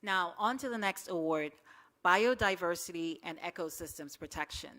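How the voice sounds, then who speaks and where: A woman's voice: fairly low pitch, moderate pace, fairly bright tone. A woman presenting an awards ceremony, reading the category and nominees from a script. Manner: reads announcements steadily.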